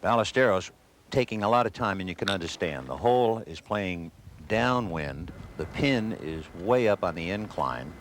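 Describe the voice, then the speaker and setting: A man's voice: low voice, expressive, moderate pace, a bit bright. A man giving live golf commentary with wry, wisecracking asides. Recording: noisy outdoor broadcast with crowd, 1980s. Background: outdoor gallery crowd and ambience.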